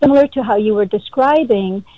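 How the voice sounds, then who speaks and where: A woman who grew up in India, a guest calling in, speaking in an earnest, measured way. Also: a little high, dry recording. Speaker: guest, executive director. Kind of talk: casual interview over a call. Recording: dull phone-call audio.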